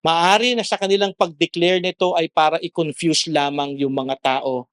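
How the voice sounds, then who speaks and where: Earnest pastor preaching, dry close sound. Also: male voice, fairly high pitch, steady tone, moderate pace, fairly bright tone, clean tone, no room sound. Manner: earnest, mixes English into his preaching, rises sharply when exhorting. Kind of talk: sermon.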